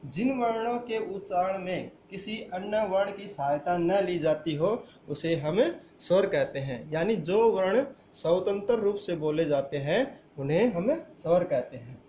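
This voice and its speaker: A man's voice: high voice, lively intonation, unhurried, hardly any pauses, dark tone, roomy sound, a little hiss or hum. A man teaching a grammar lesson who asks the class questions and answers them himself. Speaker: school teacher.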